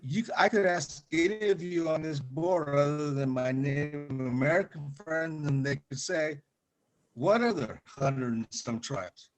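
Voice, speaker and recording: Slow, earnest man on glitchy call audio. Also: fairly high pitch, soft background music. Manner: earnest, insistent. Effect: buzzy, glitchy call audio that cuts out. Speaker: forum participant. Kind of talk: speaking up at a public forum. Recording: remote call audio, distant and breaking up.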